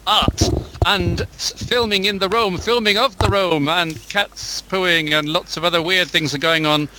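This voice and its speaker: A man putting on a comedy Greek voice for an excitable wandering art-walker. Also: high voice, unhurried, noisy background, pitched above the performer's own voice. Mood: playful. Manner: exaggerated comedy accent.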